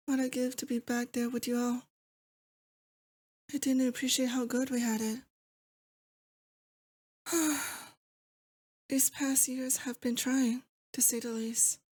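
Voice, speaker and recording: In an intimate, scripted ASMR roleplay monologue to the listener, a woman voices a young demon queen who is possessive, nostalgic, and affectionate toward the sweetheart she holds captive. Her delivery is mellow and dark-toned, fairly high in pitch, very even in melody, and unhurried, doting, and wistful.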